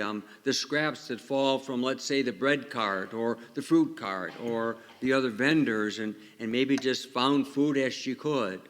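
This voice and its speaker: A man's voice: medium pitch, fairly bright tone. A man, a parish priest, reads the Gospel and preaches in a plain-spoken way, asking the congregation questions, with a long cathedral echo around his voice. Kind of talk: Gospel reading and conversational homily. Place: large church. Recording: long echo of a large church.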